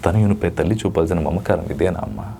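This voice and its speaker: A man's voice: sits low, fairly even intonation, quick pace, gravelly, dark tone, a little hiss or hum, voice pushed down. A man voicing a proud warrior prince who reproaches his mother in solemn, theatrical mythological dialogue. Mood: grieving reproachful. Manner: solemn, reproachful dramatic recitation.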